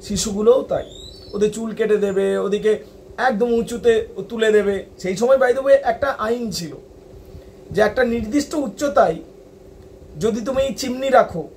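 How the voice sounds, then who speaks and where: A man teaching a poem, reading each English line very slowly and then explaining it in Bengali. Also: sits high, darkish tone, slight background noise. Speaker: literature teacher.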